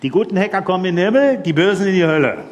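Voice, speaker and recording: Man, chatty stage storyteller, high and lively voice, echoing hall. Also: racing, muffled recording, a little hiss or hum. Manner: playful, chatty storyteller, chuckles often. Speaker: speaker at a live event. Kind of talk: anecdotal stage talk with props.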